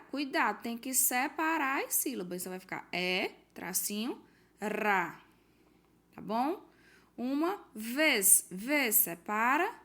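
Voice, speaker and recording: A woman's voice: on the high side, creaky, fairly bright tone. A woman teacher from Brazil patiently walking pupils through a worksheet, reading out the questions and giving hints. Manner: patient, explanatory, reads out questions and gives hints. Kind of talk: recorded homework walkthrough for pupils.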